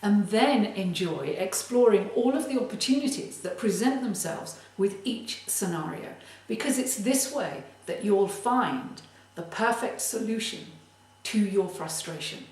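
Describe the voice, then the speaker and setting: Slow, deliberate woman in an echoey room. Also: mid-range voice, expressive, darkish tone. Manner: slow, deliberate, emphatic delivery. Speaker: creativity coach. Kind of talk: motivational tip talk. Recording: very echoey room, distant mic.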